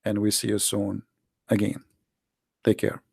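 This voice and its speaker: A daily broadcast host, male and a first-language Arabic speaker, preaches bluntly and emphatically to his livestream viewers. His lowish, gravelly voice is a little mellow, and his delivery is completely flat at a measured pace. The sound is dry and close, lacking any room echo.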